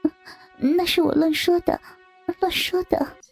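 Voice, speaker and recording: A woman's voice: very high voice, steady tone, unhurried, gravelly, soft background music, pitched above the performer's own voice, full character voice. A woman playing a tearful, stammering young man. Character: timid young husband, tearful and contrite.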